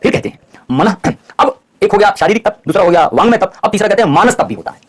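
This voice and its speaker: A man's voice: high voice, animated, fast talker. A man giving a scripture commentary, reciting Sanskrit verses and then explaining them. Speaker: scripture teacher.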